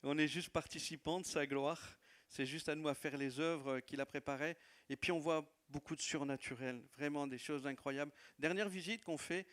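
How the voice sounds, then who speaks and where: Pastor guy w an accent, kinda high voice, telling church stories, laughs a lot. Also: steady tone, moderate pace. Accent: non-native French accent. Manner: warm storytelling with laughs and repetitions. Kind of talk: sermon testimony. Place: church hall.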